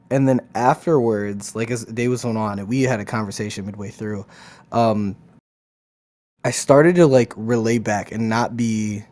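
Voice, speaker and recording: A man's voice: fairly low pitch, darkish tone. A man co-hosting a podcast, recounting his own experience in casual chat, hesitant and full of restarts. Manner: hesitant storytelling with many restarts. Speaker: podcast co-host.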